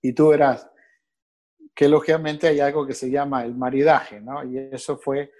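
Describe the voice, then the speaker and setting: A middle-aged man, working as a sommelier and telling stories in a lively way, acting out the voices of the people in them. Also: medium pitch, moderate pace. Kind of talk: anecdotal storytelling.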